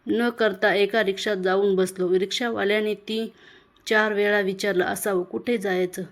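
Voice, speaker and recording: Woman narrating a story calmly. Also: mid-range voice, moderate pace.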